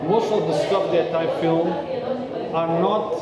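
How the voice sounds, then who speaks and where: Man from Mozambique, interviewee, earnest, slightly high voice, booming room with a loud crowd. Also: fairly even intonation, a little slow. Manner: earnest, explains with frequent "okay?" checks. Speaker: interviewee, street videographer. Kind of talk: casual interview. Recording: very echoey room with crowd chatter.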